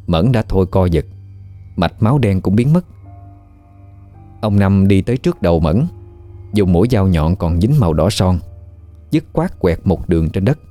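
Deep-voiced man narrating a ghost story. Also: dark tone, no echo. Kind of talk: scripted horror story narration.

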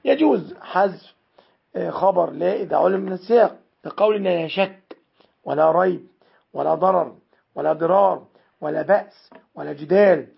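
A man's voice: sits high, normal speed, gravelly, breathy edge. A man with an Egyptian accent teaching an Arabic grammar lesson, methodically parsing example sentences one word at a time. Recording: dull lo-fi recording.

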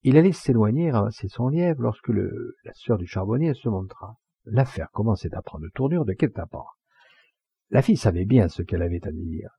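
Male audiobook narrator, low, gravelly and husky, measured pacing, dry dull lo-fi recording. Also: lively intonation, no echo. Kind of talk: scripted literary narration.

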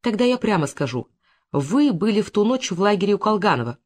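A reader voicing a young woman who is sharp-tongued and accusing, with a biting, scornful delivery. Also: medium pitch, big pitch swings, a little fast.

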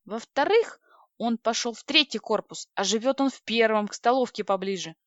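A woman reading an audiobook voices a gruff, sarcastic young male officer who grumbles curtly, on a dry, slightly dull recording. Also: fairly high pitch, expressive, normal speed, no room sound, natural voice. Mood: grumbling.

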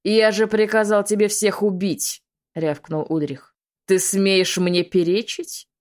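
A woman doing a domineering demon warlord, loud and contemptuous, low-ish voice for a storybook villain. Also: lively intonation, normal speed. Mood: angry barking. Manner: barking orders, scornful. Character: commanding male demon lord, cruel and domineering. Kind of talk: audiobook reading.

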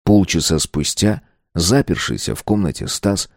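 A man narrating a novel aloud with expressive storytelling. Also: low voice, moderate pace, no echo, studio quality. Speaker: audiobook narrator. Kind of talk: scripted narration.

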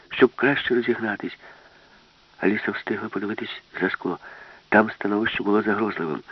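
A man narrating an audiobook with a lively, expressive reading. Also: fairly low pitch, no room sound. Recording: dull, lo-fi, dry.

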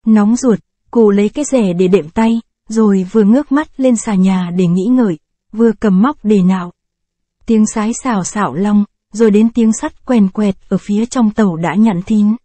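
Lady reading a short story out loud, warm mellow voice, dry close sound. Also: mid-range voice, dry recording. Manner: measured, expressive storytelling. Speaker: narrator.

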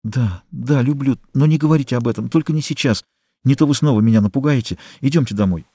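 A man's voice: medium pitch, quick pace, warm tone, breathy edge, no room sound, studio quality, pitched above the performer's own voice. A man voicing a shy, frightened young woman who begs to be let go, reading in an audiobook. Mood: anxious. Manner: fearful, breathless pleading.

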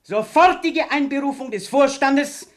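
An actor playing a defiant, militant young party rebel in a radio play, speaking like an agitator. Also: male voice, very high-pitched, unhurried. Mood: combative, rousing. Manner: agitating, emphatic orator. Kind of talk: theatrical radio play acting.

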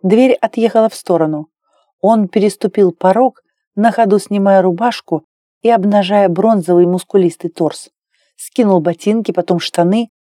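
A woman reading an audiobook in a measured, soft storytelling manner. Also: medium pitch, no echo, studio quality. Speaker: audiobook narrator. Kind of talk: scripted narration.

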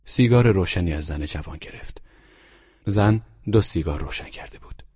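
A male audiobook narrator telling the story in a measured, even way. His voice is low, husky and breathy. It sits close and dry in a dull, lo-fi recording. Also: no room sound.

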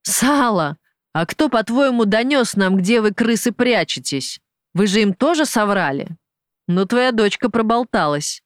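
Brief: reader playing a cruel gang-boss man, taunting and falsely friendly, voice pushed high and loud, dry close recording. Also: animated, a little slow, no room sound, close to an everyday voice. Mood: sneering. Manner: sneering, taunting, falsely genial. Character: cruel mocking male gang boss, middle-aged. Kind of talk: audiobook character voice.

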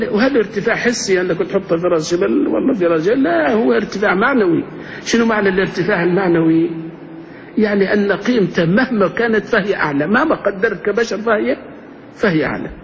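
A man teaches a classroom grammar lesson, his voice sitting fairly high. He keeps turning to the students with rhetorical questions. The recording is dull and lo-fi. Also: creaky, a little hiss or hum. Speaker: sheikh teaching Arabic grammar.

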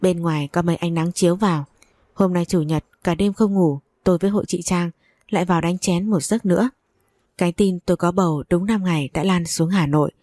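Female storyteller, low and dark, dry close sound, steady first-person reading. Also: brisk, no room sound. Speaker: story narrator.

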